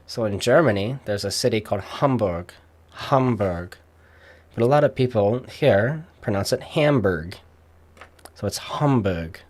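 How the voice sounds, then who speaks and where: Rambling low-voiced young man. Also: darkish tone. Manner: rambling, many fillers and pauses. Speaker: streamer. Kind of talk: casual chat.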